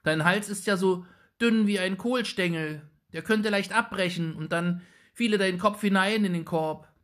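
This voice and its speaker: A man's voice: high voice, normal speed, fairly bright tone, pitched above the performer's own voice. A man doing an indignant young boy. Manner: scolding, indignant.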